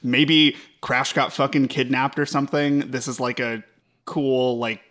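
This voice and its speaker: Laid-back co-host dude, bright edgy voice, swears casually. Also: male voice, mid-range voice, flat delivery, measured pace. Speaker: podcast co-host. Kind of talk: casual podcast chat.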